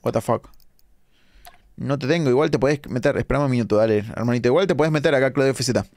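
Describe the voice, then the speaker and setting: Streaming a game late into the night, a young Rioplatense-accented Argentine man chats with his audience, voicing their comments and dropping quick asides. His voice has a medium pitch and a darkish tone, recorded without room sound.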